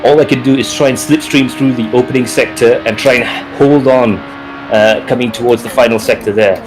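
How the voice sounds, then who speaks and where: Male sim racer, live play-by-play from the cockpit, excited, music bed underneath. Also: rough recording. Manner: excited, rapid play-by-play that rises in pitch at battles. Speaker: sim racing driver commentating own race. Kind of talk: live race commentary while driving.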